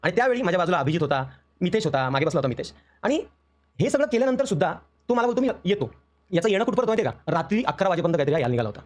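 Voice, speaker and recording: Young man, heated live-stream rant, very fast, high-pitched. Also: sing-song. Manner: emotional, aggrieved, rapid storytelling.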